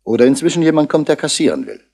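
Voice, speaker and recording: In the style of a 1960s crime radio drama, a male actor plays a stern, impatient police commissioner who interrogates brusquely. His voice is a little high with a darkish tone, expressive and rapid-fire.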